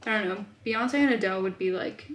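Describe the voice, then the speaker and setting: A woman's voice: mid-range voice, brisk. Chatty young woman in a roomy space. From Australia. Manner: chatty, filler-heavy, thinks aloud. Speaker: vlogger. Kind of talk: casual chat answering viewer questions. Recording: roomy echo.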